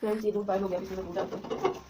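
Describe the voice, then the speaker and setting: A woman's voice: medium pitch, level tone, racing, background noise. A woman filming a casual home vlog on her phone camera in her kitchen. She chats to her viewers as friends and coos at a small child. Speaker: family vlogger.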